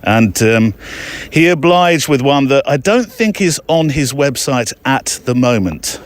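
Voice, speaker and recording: Out walking in an overgrown park, a podcast host delivers a chatty, rambling monologue to listeners, sprinkled with hesitant asides. He speaks at a measured pace in an expressive, medium-pitched voice.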